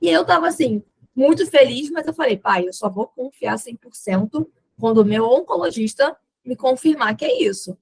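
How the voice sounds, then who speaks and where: A woman's voice: high voice, moderate pace, creaky, husky, no echo, poor audio. A young adult woman with a Brazilian accent, a podcast guest telling a personal story and acting out the dialogue in it. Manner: lively retelling that acts out quoted dialogue, with laughs.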